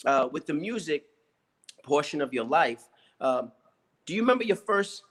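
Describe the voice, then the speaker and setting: A male interviewer with a voice a touch higher than most men's works his way through long questions. He stops and restarts often, filling the gaps with "you know" and "uh" while he talks casually. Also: very animated, normal speed, a bit bright. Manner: rambling, hesitant questions full of "you know" and "uh".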